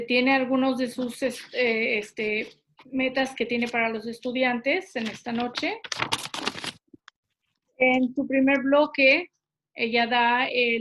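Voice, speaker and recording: A woman's voice: a little high, a bit bright. A woman giving a live introduction to an orientation meeting, hesitant and searching for her words.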